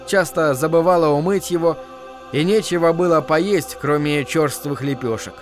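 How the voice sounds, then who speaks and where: Guy reading an audiobook, kinda high voice, calm short phrases, faint music under it. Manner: measured storytelling in short phrases. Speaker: audiobook narrator. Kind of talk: scripted literary narration. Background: faint background music.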